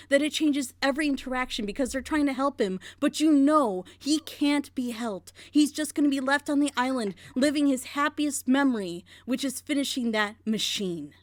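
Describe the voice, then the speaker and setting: Speaking in a high voice at normal speed with hardly any pauses, a woman critically dissects a plot twist during a lively group reaction show. She builds her analysis with rhetorical questions. The recording is dry and studio quality.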